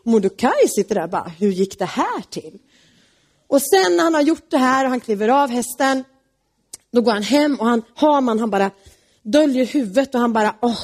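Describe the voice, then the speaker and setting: A woman casually retelling a Bible story, chatty and lively. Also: a little high, slightly rough.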